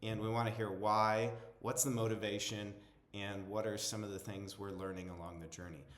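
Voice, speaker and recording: A man's voice: lowish voice, little pitch movement, normal speed, a bit bright. A man hosting a coffee interview show, upbeat and welcoming as he introduces the guest and the coffees. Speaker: show host. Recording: roomy echoey sound.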